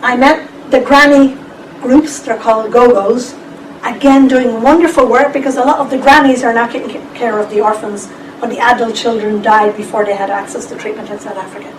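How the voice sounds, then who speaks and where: Speaking a little fast, on the high side, a conference speaker from Ireland presents to a seminar audience in a lecture room. Her talk is lively and chatty, full of audience asides. Background noise, room echo, and a far-off mic shape the recording.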